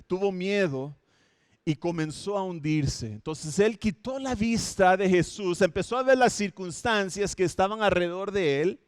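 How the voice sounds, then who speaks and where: A man from Minnesota preaches in a relaxed, storytelling way, often correcting himself as he goes. His voice sits high and sounds clear and resonant, and it is recorded dry for an online service. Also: no room sound. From Minnesota, United States. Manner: storytelling, self-correcting, with light humor. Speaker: pastor. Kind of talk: conversational sermon. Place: home setup for an online church service.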